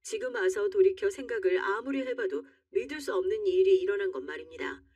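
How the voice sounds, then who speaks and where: A woman's voice: medium pitch, fairly quick, a little mellow, dry recording. Female storyteller, indignant and confiding; dry, slightly distant recording. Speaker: story narrator. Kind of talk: first-person story reading.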